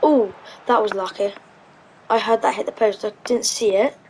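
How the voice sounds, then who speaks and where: A woman's voice: medium pitch, moderate pace, darkish tone, a little hiss or hum, low-quality recording. A woman giving casual, hesitant commentary on her own gameplay, thinking aloud with lots of ums. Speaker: gaming channel host.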